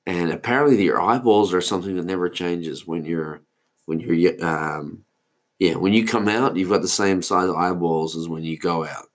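A man's voice: sits low, normal speed. A man in his forties, hosting a solo podcast and musing aloud in a meandering way, often losing his thread. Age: 40s. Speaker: podcast host. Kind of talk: solo rambling monologue.

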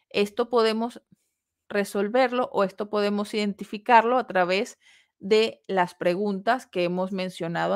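A woman instructor delivering a recorded lesson at a medium pitch. She explains each point in a measured, patient way, pausing between phrases and posing rhetorical questions to the listener. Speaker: course instructor. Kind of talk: recorded lecture on customer service.

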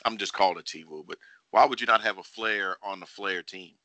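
A man's voice: fairly low pitch, a little fast, pushed and bright, no room sound, rough recording. A man hosting a casual sports podcast, speculating in a teasing, opinionated way. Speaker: wrestling podcast host.

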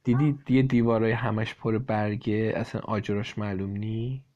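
Relaxed man reading a story to a child. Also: on the low side, muffled recording. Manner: relaxed, explains words simply. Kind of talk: reading a storybook aloud and chatting.

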